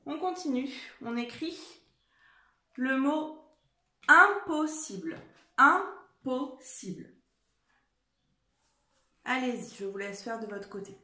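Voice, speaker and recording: Woman, schoolteacher, slow deliberate dictation, slightly high voice, echoey room. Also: expressive. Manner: slow, careful spelling out of words and letters. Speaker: primary school teacher. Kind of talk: dictation lesson for young children.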